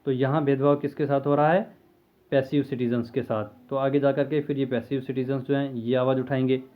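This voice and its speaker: Teacher, male, mid-pitched, explains step by step with rhetorical questions; tinny phone-like sound. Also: flat delivery, fairly quick. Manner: conversational, asks and answers his own questions. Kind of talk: explaining a history lesson.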